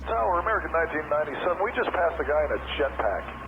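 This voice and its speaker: A man's voice: fairly high pitch, big pitch swings. Man, a pilot over crackly radio. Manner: clipped, halting radio report with fillers. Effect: heard over an air traffic radio. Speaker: airline pilot. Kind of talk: radio call to the control tower. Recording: tinny, static-filled cockpit radio transmission.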